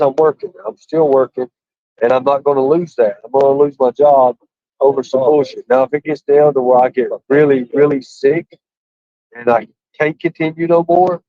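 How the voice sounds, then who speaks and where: A man's voice: medium pitch, dark tone, no echo. A man in casual chat on a video call, rambling and repeating himself. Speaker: streamer on a call. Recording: muffled lo-fi call audio.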